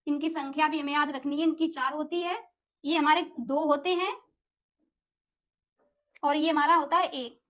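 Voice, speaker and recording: A young woman teaching an exam-prep Hindi lesson, asking questions and answering them herself, repeating key terms and sounding out vowels slowly. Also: high voice, steady tone, a bit bright. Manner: addresses viewers as friends, asks and answers own questions.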